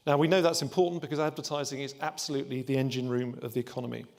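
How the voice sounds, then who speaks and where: Man, conference welcome speech, upbeat, brisk, mid pitch. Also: level tone, darkish tone. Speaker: trade body chief executive opening a summit.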